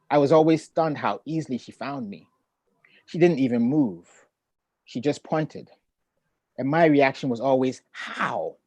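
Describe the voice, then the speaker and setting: A middle-aged man who grew up in Ghana, a poet, reading his poems and talking about family in a measured, reflective way over a video call. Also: mid-range voice, a little mellow, no room sound. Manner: measured and reflective, with thoughtful pauses. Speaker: poet and author. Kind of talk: poetry reading and relaxed conversation.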